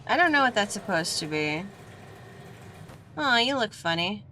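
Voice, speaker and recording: A woman's voice: medium pitch, sing-song, unhurried, pushed and bright, a little hiss or hum. A woman giving casual, playful video game commentary, chatting to the characters as she plays. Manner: playful, talks to the dolls.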